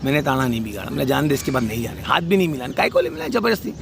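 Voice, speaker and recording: A man's voice: medium pitch, sing-song, very fast, vocal fry, noisy background. A man delivering a heated, scolding rant about a family dispute, outdoors by a street. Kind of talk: angry spoken rant.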